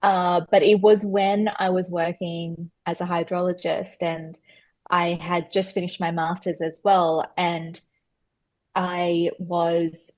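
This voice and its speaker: A woman, telling her story as a podcast guest in an animated, chatty way with many fillers. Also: lowish voice, takes it slowly, no echo. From Australia. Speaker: guest, personal stylist.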